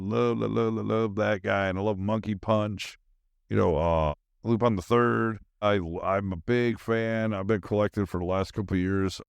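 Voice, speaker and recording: With a creaky voice on the low side, a middle-aged man hosts a podcast alone, chatting casually and eagerly as his thoughts wander in slangy bursts. The recording is dry and studio quality.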